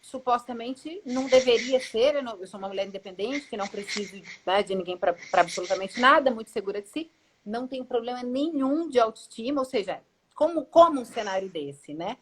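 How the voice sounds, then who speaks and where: A woman's voice: fairly high pitch, animated, brisk, slight background noise. A woman hosting an interview, talking reflectively and thinking aloud with hesitations. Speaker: interview host. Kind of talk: conversational interview.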